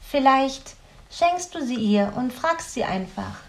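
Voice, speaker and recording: A woman's voice: high voice, expressive, voice pushed up. Woman doing Grünäuglein, a perky cheerful girl. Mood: amused, playful. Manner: bright, playful, quick to laugh. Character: cheerful curious young female helper.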